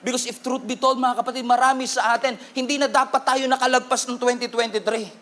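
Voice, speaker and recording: A man with a Filipino accent preaching a sermon in a church, animated and humorous, calling on the congregation to respond. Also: very high voice, fast. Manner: animated, humorous preaching with Taglish code-switching. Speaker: pastor.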